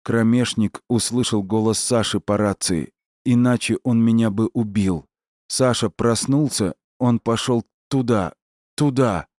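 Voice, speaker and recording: A man voicing a wounded young woman who speaks weakly and slowly in an audiobook. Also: medium pitch, a little mellow, no echo, clean studio sound, pitched above the performer's own voice, close to an everyday voice. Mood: weak, faltering. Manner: weak, slow, faltering speech.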